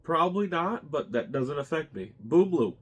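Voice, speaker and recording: A man's voice: fairly high pitch, very animated, normal speed, husky. Congested male vlog host, casual rambling delivery, thinking aloud as he goes. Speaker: channel host. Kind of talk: casual unboxing chat.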